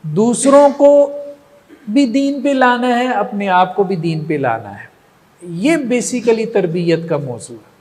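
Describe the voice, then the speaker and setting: Male religious teacher, high voice, long reverb, lecturing and checking in with the audience. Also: lively intonation, slow pace, darkish tone. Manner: rhetorical, checks in with listeners often. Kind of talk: lecture on moral training.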